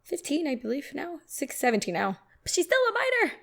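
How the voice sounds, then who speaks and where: A young woman hosting a reaction video, talking back to a clip in a lively, casual way and laughing often. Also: high voice, a little fast, creaky.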